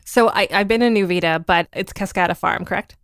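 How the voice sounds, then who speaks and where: A woman's voice: on the low side, a little fast, clear, resonant tone, no room sound, clean studio sound. Bubbly woman hosting a podcast. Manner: bubbly, laughs often. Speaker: podcast host. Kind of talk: podcast interview.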